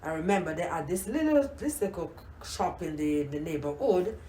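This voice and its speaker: A lowish, sing-song voice at normal speed belongs to an older grandmother from Jamaica speaking with a Jamaican accent. She warmly reminisces in a casual oral history interview, often repeating herself and saying "you know," in an echoey room.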